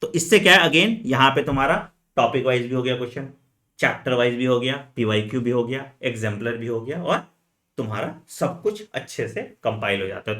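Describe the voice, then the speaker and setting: Lively male exam coach, animated. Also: fairly high pitch. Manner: animated, talks straight to students, frequent "ठीक है" fillers. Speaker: medical entrance exam coach. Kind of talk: energetic exam-strategy lesson, chatty Hinglish.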